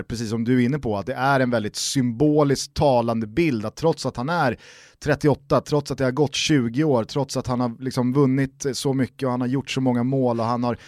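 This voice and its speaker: A man's voice: medium pitch, no room sound, studio quality. A man co-hosting a podcast, asking questions in a playful, conversational way. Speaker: podcast co-host. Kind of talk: casual chat.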